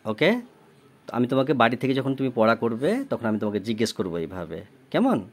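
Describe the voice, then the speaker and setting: Speaking fast and expressively at a medium pitch, this man helps a child with homework on a recording. He spells each word letter by letter, gives its meaning, and constantly asks if the child is following along.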